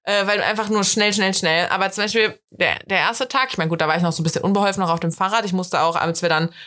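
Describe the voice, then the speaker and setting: A woman from the Rhineland, with a Rhineland German accent, co-hosts a podcast and chats casually. She talks fast in a mid-range voice and tells stories with animation, acting out her own quotes.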